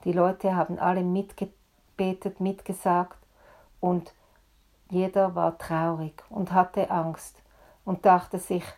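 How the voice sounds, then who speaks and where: A woman telling a story in a deliberate, expressive way. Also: lowish voice. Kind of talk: told story.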